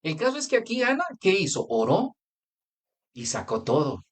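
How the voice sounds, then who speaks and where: Animated conversational pastor, Colombian. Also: male voice, a little high, normal speed. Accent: Colombian Spanish. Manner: conversational preaching with anecdotes and direct address. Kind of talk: sermon.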